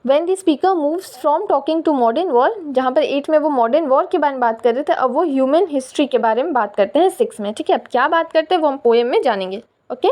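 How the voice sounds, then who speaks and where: A woman with an Indian accent teaches a poetry lesson in a mix of Hindi and English, explaining step by step, checking in with her students often and frequently saying "theek hai." Her voice sits high with a darkish tone and lively intonation, and she reads the English lines slowly and carefully.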